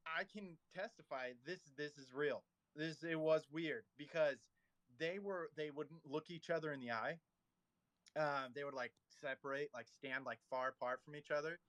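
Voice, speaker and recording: A man with a bright, forceful voice hosts a loose online audio chat. He rambles through stories, stacks up fillers, and teases his co-host. His sound is close and dry, with no room around it. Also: fairly high pitch, dry recording. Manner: rambling, filler-heavy, teasing. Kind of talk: casual chat.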